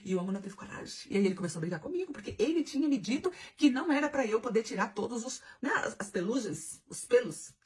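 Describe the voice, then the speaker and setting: A woman, telling a bawdy personal story in an animated, giggly, confiding way. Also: fairly high pitch, fast talker, hardly any pauses, breathy edge. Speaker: vlogger.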